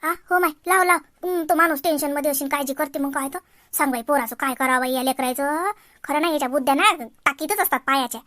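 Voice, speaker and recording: A woman performs a comedy sketch in a very high voice. Her tone is bright and sharp, and she frets and fusses as she talks. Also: quick pace, no room sound, clean studio sound.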